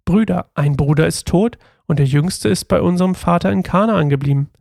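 A man voicing a group of frightened brothers pleading their honesty, read slowly and earnestly in a gravelly voice. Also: high-pitched, a little mellow, no echo, studio quality.

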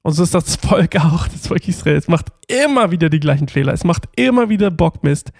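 Chatty male Bible-podcast host, self-correcting, gravelly edge to his voice. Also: on the high side, animated, fairly quick, a little mellow, no echo, studio quality. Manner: chatty and self-correcting, sprinkling English phrases. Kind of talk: casual Bible-study podcast.

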